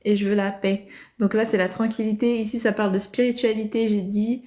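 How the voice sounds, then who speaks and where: A woman hosting a casual livestream, answering viewers' comments calmly and hesitating with many fillers. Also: medium pitch, brisk. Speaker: livestream host.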